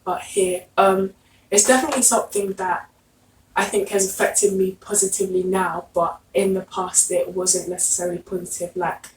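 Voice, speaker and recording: A woman's voice: medium pitch, fairly even intonation, normal speed. A young woman in a casual group discussion, speaking informally with lots of filler words. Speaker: guest. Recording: echoey room, distant mic, faint noise.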